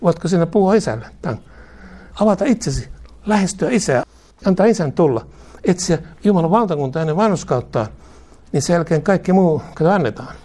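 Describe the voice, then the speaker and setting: Preaching man, rising to exhortation. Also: dark tone. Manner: rises in pitch and force when exhorting. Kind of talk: sermon.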